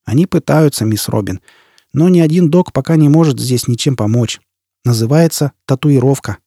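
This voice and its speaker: A man playing a small, blunt male sergeant who speaks in a gruff, coarse, matter-of-fact way. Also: medium pitch, moderate pace, mellow, no room sound, clean studio sound.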